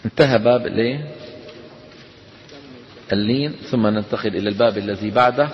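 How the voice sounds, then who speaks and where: A man teaching a tajweed class, questioning his students and chanting verse lines slowly. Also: on the low side. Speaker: Quran recitation teacher. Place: lecture hall with students. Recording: dull lo-fi lecture recording in a reverberant hall with faint noise.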